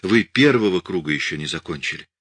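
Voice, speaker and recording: A man voicing a weary, hunted middle-aged scientist who speaks in a quiet, resigned, measured way. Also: deep voice, animated, husky, no echo, heavily acted.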